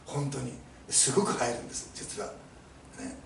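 A man's voice: medium pitch, wildly swooping pitch, moderate pace, gravelly, slight background noise. A male pastor preaching a sermon to his congregation, emphatic and fond of rhetorical questions, recorded in an echoey church hall from a distance. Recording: echoey room, mic at a distance.

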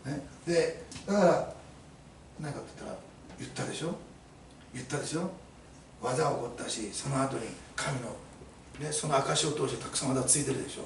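A man's voice: mid-range voice, brisk, vocal fry, long pauses, slight background noise. A male pastor preaching a sermon to his congregation, emphatic and fond of rhetorical questions, recorded in an echoey church hall from a distance. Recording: echoey room, mic at a distance.

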